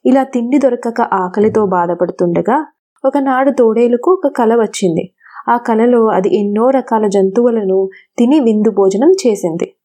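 A woman telling a children's animal fable in an even, expressive storyteller's manner. Her voice sits slightly high but sounds mellow and warm rather than bright. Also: unhurried.

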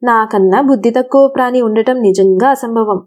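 A starving, gullible storybook wolf, as a woman reading aloud puts it on, greedy in its threats and self-pitying in defeat. The voice sits a little high but stays mellow and soft-edged. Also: moderate pace, close to an everyday voice.

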